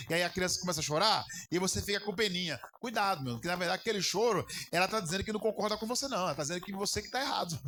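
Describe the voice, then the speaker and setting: A man's voice: high-pitched, a bit bright. A man preaching a sermon on a Bible lesson as pastor, often stopping to ask the congregation questions and calling them brother.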